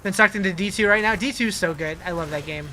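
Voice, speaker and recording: During a relaxed gaming stream, the livestreamer talks fast and answers viewers' questions conversationally, using a mid-range voice with a sharp tone. There's a little hiss or hum.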